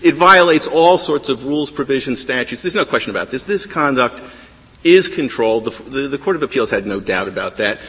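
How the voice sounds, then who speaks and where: A man arguing a case before a high court, insistent and argumentative, often stumbling and repeating words. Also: expressive, brisk, bright, forceful tone, breathy edge. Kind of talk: appellate oral argument. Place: large courtroom. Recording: courtroom with long reverb.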